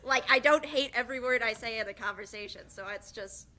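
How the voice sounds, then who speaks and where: A woman's voice: on the high side, fairly quick, pushed and bright. A young woman giving a nervous, giggly, rambling farewell speech as a graduating theatre student.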